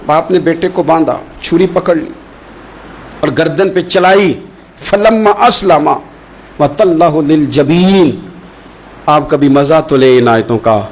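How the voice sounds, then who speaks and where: A male preacher telling a religious story with passion, slowing into chanted recitation of verses. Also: fairly high pitch, a little hiss or hum, poor audio. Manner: impassioned, slow chanted Quran recitation between stories. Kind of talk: Urdu sermon storytelling.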